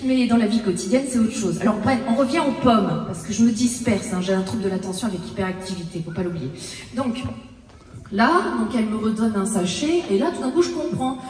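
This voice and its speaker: A woman performing a comic stage monologue, telling her story haltingly and acting out her own lines of dialogue. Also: mid-range voice, a little mellow, a little hiss or hum. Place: stage in a large hall. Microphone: handheld stage mic. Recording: echoey hall, mic at a distance.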